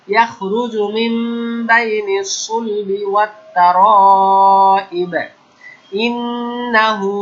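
Male Quran teacher from Bangladesh, slow drawn-out recitation mixed with brisk explanation, slightly muffled lo-fi sound. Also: high voice, pushed and bright. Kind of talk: tajweed recitation lesson.

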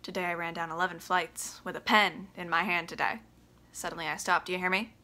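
A young woman acts out a bitter, desperate son in a stage drama monologue, confronting his father. The delivery is emphatic and confrontational, with a bright, forceful edge. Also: flat delivery, fairly quick. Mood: agitated, searching. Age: young adult. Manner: emphatic, confrontational, swinging from low to shouting. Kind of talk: theatrical audition monologue. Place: small plain room indoors.

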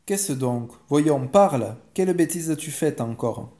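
A man voicing a stern, quick-tempered mother who scolds sharply and impatiently, in a bedtime story reading. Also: fairly high pitch, expressive, warm tone. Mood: scolding.

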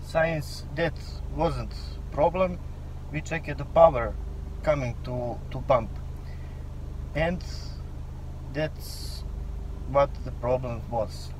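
Young man, Balkan accent, unhurried, hesitant self-shot car vlog, phone on the dash, clear outdoor noise behind. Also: medium pitch. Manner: slow, halting, non-native phrasing with repeated words. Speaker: car vlogger. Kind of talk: casual to-camera vlog. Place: inside a parked car, daytime. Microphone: phone camera on the dashboard.

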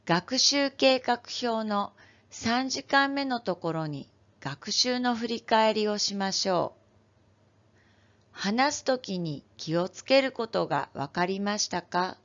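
A woman teacher leads a lesson for young children, speaking slowly and deliberately with careful, clear enunciation. Her voice sits at a moderate pitch and has a gentle, encouraging tone. The recording sounds slightly dull and lo-fi. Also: lively intonation. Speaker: elementary school teacher. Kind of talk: online lesson for first graders.

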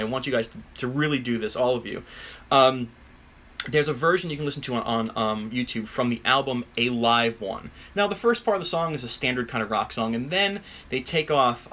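A man's voice: medium pitch, a bit bright. A man giving a casual live-stream guitar lesson from a room at home full of guitars, talking in a rambling, chatty way with lots of ums and uhs. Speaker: guitar teacher.

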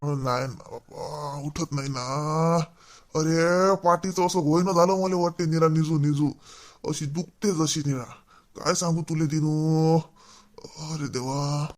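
This is a frail old grandfather, played by a man in a village comedy sketch, stuck in bed and aching. He speaks in a weak, halting, plaintive with coughs, his voice sitting fairly high for a man. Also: steady tone, gravelly, a little mellow. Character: frail bedridden old grandfather, meek and pained.

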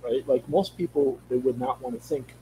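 Speaking as a guest on a video call from home, this middle-aged Minnesotan talks casually into a studio mic at a moderate pace. His voice sits mid-range with a dark tone, and he wanders, hunts for words, and keeps starting over. A little hiss or hum marks the low-quality recording.

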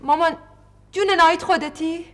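A high, frightened young wife. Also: female voice, steady tone, a bit bright. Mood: terrified. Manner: pleading, anxious. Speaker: daughter. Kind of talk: television stage drama.

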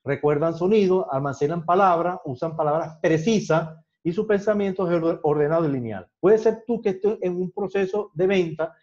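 A man with a somewhat high voice runs a sales class, tagging nearly every point with a quick "ok?" to keep his students with him. The recording is muffled and lo-fi. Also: a little mellow. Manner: repeats "¿ok?" constantly, conversational teaching. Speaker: sales trainer. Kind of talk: lecturing a class. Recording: dull lo-fi sound.

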